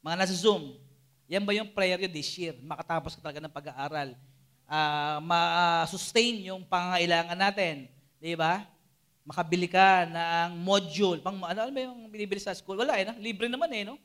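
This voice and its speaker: Man, youth sermon, very high voice, animated, keeps prompting the audience. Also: normal speed. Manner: animated, keeps asking the listeners "Amen?" and "di ba?". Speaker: preacher to a youth group. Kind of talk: Taglish sermon to a live and Zoom audience.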